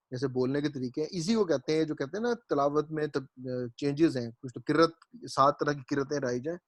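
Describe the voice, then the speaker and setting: A man with a somewhat high voice leads a grammar class, explaining each rule patiently and repeating himself so nobody falls behind. He keeps asking whether it is clear before moving on. The recording is close and dry, with almost no room sound. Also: no echo. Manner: explanatory, repeats points and checks understanding. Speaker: Arabic grammar teacher. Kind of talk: classroom lecture.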